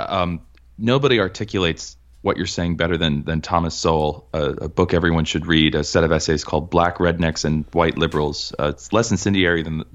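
A man from Massachusetts hosting a casual conversation, talking earnestly with frequent restarts and firm emphasis. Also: deep voice. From Cambridge, Massachusetts. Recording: dull lo-fi sound.

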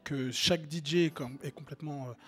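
A man's voice: fairly high pitch, fairly even intonation, brisk. A man hosting a casual music show, agreeable and often restarting his phrases.

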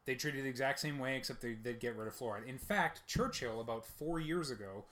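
A man co-hosting a podcast in casual chat, animated, often jumping into mocking voices to quote people. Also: medium pitch, brisk. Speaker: podcast co-host.

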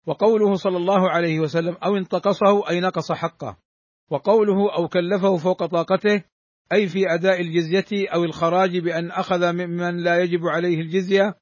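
Guy with a high voice doing a formal religious radio talk in standard arabic, dull lo-fi sound. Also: no room sound. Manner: formal, didactic, measured classical diction. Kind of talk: scripted religious talk explaining a hadith.

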